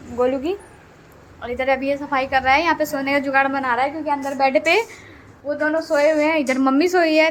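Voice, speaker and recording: A young woman with a high voice chats casually in her vlog, teasing and laughing often. She's recorded on a phone, with slight background noise.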